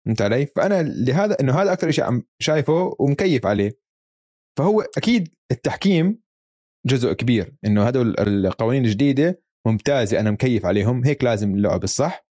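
Guy w palestinian/jordanian levantine accent, casual sports chat, super quick, close dry sound. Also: mid-range voice, sing-song, mellow, no echo. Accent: Palestinian-Jordanian Levantine Arabic.

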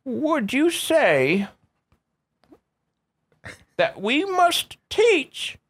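A player putting on the voice of a pompous old-time missionary in a hot air balloon, asking drawn-out, quavering questions. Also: sits high, wildly swooping pitch, a bit bright, voice pushed up, exaggerated voice. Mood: preachy.

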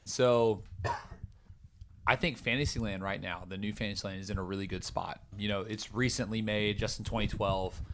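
A young man in his twenties with a lowish voice talks casually on a podcast recorded at home. He makes his case with confidence and laughs easily. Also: moderate pace, a little hiss or hum. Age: 20s. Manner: relaxed, opinionated, laughs easily. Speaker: podcast co-host. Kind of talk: casual chat. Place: room in his house.

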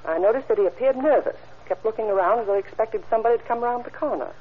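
The recording, from an old-time radio crime drama, is muffled with background hiss. An actress plays an observant, obliging woman giving careful, helpful, matter-of-fact witness testimony, her voice on the high side, slightly rough and racing.

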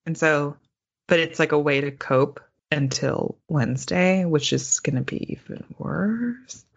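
A woman's voice: deep voice, unhurried, vocal fry, highs cut off. A woman co-hosting a podcast in casual chat, nervous and chatty, laughing a lot. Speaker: podcast co-host.

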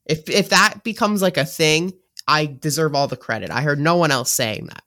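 Casting: male sports podcast co-host, wry and joking, a touch higher-pitched. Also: moderate pace, bright, forceful tone. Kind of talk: casual sports podcast chat.

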